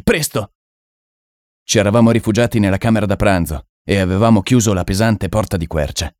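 Male audiobook narrator, low voice, dramatic measured delivery, dry booth sound. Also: a little mellow, no room sound.

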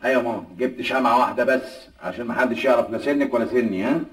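A middle-aged man with an Egyptian accent playing a fussy, pedantic family father who lectures in a rapid, lively flow. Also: medium pitch, lightly acted.

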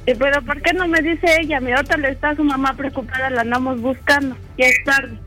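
A man's voice: very high voice, steady tone, quick pace, sharp tone, soft background music. A man voicing a worried young woman in a radio prank call, insistent and pushy. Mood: indignant. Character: worried young woman, the sister, pleading and scolding.

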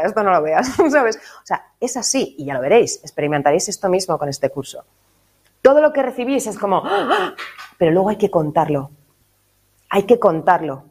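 A woman's voice: medium pitch, breathy edge. Chatty woman teaching faith. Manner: lively, conversational, tags phrases with "¿no?". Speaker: catechism course teacher. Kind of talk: casual spiritual talk.

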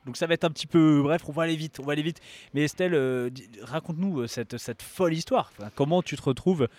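A man's voice: on the high side, fast talker, a little mellow, no room sound. Male poker-radio host: loose, jokey, rambling delivery. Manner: joking, rambling, many restarts. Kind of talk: casual interview hosting.

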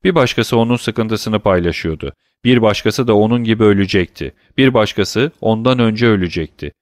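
A man's voice: fairly low pitch, moderate pace, no echo, studio quality, natural voice. A man reading as a cold, scornful count. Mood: sardonic. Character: cold, sardonic aristocratic count, male, scornful of mankind.

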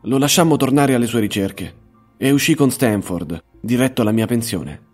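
A man narrating a story in the first person with an even, steady reading. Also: medium pitch, normal speed, faint music behind. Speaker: audiobook narrator.

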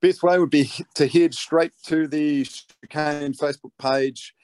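A man's voice: a little high, steady tone, measured pace, a little mellow, no room sound. A man with a broad New Zealand accent chatting casually in an interview, laid-back and matey. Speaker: interviewed rock band lead singer.

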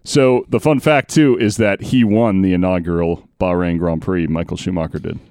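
Low-voiced chatty male podcast host. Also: darkish tone, no room sound, clean studio sound. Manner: chatty, reads stats quickly. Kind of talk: casual sports chat.

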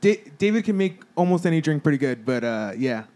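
A man with an American accent speaks in a slightly high voice. He chats casually with friends and uses plenty of slang. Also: very animated, a little fast, dark tone, a little hiss or hum. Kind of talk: casual group chat.

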